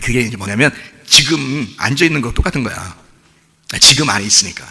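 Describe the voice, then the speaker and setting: A man's voice: mid-range voice, animated, quick pace, pushed and bright, slightly rough. A middle-aged man preaching a sermon as pastor, talking conversationally with many rhetorical questions. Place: church sanctuary. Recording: long hall reverb.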